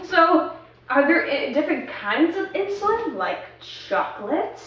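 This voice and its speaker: A young woman asking questions in a student video skit, slow and exaggerated, full of wide-eyed surprise. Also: high-pitched, sing-song, fairly bright tone, slight background noise. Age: young adult. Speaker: student interviewer. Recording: echoey room, far from a dull mic.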